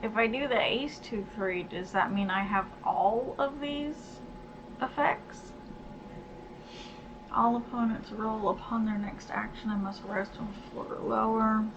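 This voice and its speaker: A woman's voice: a little high, normal speed, few pauses. A woman hosting a gaming channel, muttering casual commentary as she plays and reading card text aloud. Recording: dull lo-fi sound with steady noise.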